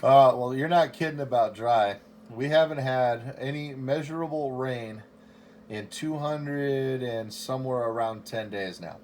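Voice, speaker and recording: A man making a ham radio call from his home station, calling CQ over and over, spelling his call sign in phonetic alphabet in a steady, repetitive way. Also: medium pitch, a little slow, slight background noise. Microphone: station microphone.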